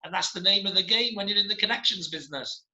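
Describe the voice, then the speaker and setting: Middle-aged male host, chatty and rambling, sharp bright tone, echoey video call. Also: sits high, fast talker, lo-fi sound. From Wales. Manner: chatty, rambling with many restarts. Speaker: podcast host. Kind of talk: casual interview chat. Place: home office.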